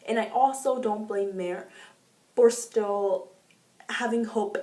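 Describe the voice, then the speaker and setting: Excitable woman gushing in an echoey room. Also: takes it slowly. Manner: gushing, excitable, with sudden pitch jumps. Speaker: book reviewer. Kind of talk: casual book review vlog. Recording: echoey room, mic at a distance.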